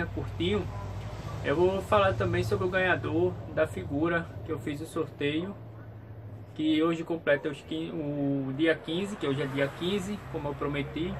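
A man gives a casual vlog update in a hesitant, repetitive way, often checking in with his viewers. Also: on the high side. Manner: hesitant, repeats himself, frequent checking tags. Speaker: YouTube channel host. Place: small room at home, indoors. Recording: clear background noise, room ambience.

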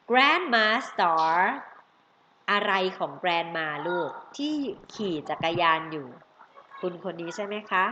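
Coaxing young learners through English family words, a Thai-accented woman draws out every term in a medium-pitched, bright, forceful voice during this bilingual vocabulary lesson for children. The recording sounds roomy and a bit dull, with faint noise underneath.

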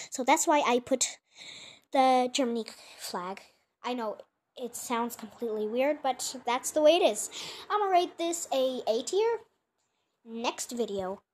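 High-voiced chatty female creator. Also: a bit bright. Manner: chatty, self-mocking, quick asides. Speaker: video creator reacting to own clips. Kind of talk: casual chat.

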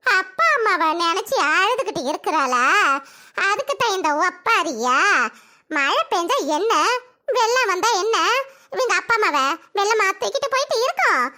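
Sivakami, a shrill heartless mother-in-law. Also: lively intonation, normal speed, exaggerated voice. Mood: scornful. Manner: sharp-tongued, dismissive. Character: scheming middle-aged mother-in-law. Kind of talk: cartoon comedy voice acting.

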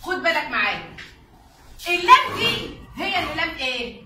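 A woman's voice: sits high, sing-song, moderate pace, pushed and bright, a little hiss or hum. A woman teacher with an Egyptian Arabic accent, leading a classroom reading lesson and patiently drilling her pupils with repeated questions. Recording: echoey classroom, distant mic.

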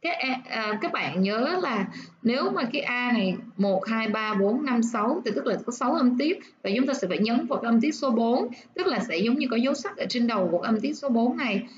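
A woman teaches nursing English, explaining step by step and repeating words slowly to show where the stress falls. Her voice is a little high with lively intonation, and the lo-fi recording has a noisy background.

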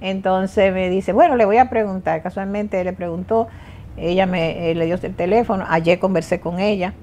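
An older woman from the Dominican Republic talks as a guest on a TV studio set. Her voice is close and clean through a lapel mic, with lively emphasis and restarts when she gets excited. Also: medium pitch, normal speed. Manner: lively, emphatic, frequent hesitations and repeats. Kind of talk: casual interview talk.

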